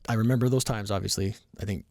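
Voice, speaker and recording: A man's voice: fairly low pitch, fairly even intonation, fast, mellow, no room sound, studio quality. A middle-aged man hosting a podcast interview, talking in an earnest, reflective way and often checking for agreement. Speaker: mayor and podcast host. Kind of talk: casual interview conversation. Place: podcast studio.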